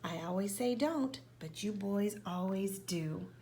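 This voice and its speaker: A woman's voice: mid-range voice, animated, a little slow, very noisy, close to an everyday voice. A woman voicing a knowing older man in a read-aloud storybook, speaking in a weary, half-whispered way. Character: knowing older male fish shop owner.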